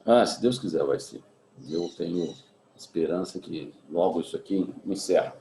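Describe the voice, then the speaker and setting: A man with a Brazilian Portuguese accent, a physics teacher giving a remote class in a relaxed, chatty way, full of tag questions. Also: low voice, normal speed, gravelly, echoey room, slight background noise, low-quality recording. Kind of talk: remote class, casual chat.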